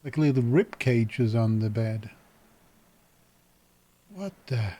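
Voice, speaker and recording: Male let's-play host, lively up-and-down pitch, slow-paced reactions and jokes, swears a lot, game music underneath. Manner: joking, reactive, swears freely. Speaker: gameplay commentator.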